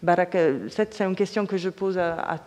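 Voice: mid-range voice, moderate pace, a little mellow, long reverb tail. A panel moderator asking questions with many hesitant restarts.

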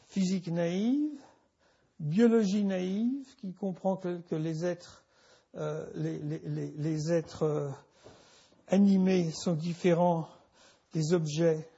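A man gives a slow university lecture, breaking off and restarting his phrases over and over with repeated words. A little high, husky and gravelly, his voice is warm with fairly even intonation, though the recording sounds dull and lo-fi.

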